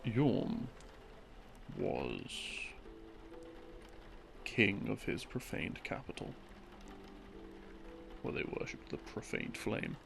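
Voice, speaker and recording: In this sleep-aid roleplay, a man voices a laid-back boyfriend who rambles through game lore at bedtime in a relaxed, casual, unhurried style. He uses a full character voice, low-leaning and creaky, and stays very animated, with background music playing.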